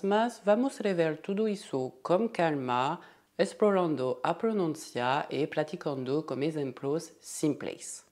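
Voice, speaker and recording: A woman teaching French in a lesson, saying each word twice and slowly drilling repeat-after-me examples. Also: sits low, darkish tone.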